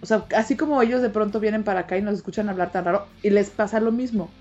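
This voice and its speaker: A young adult woman with a Mexican accent, talking casually as a co-host, animated and quick to laugh. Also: medium pitch, dull audio, soft background music. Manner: animated, laughs often, acts out quoted reactions. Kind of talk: casual chat.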